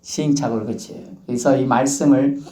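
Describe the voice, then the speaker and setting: Folksy pastor in an echoey hall. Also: male voice, mid-range voice, a little fast. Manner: lively folksy storytelling with acted dialogue. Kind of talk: sermon. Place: church.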